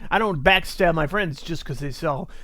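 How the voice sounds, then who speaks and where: Man, podcast host, slightly high voice, rambling, crude banter, mimicked quotes, improvised comedy. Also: normal speed, pushed and bright, no echo.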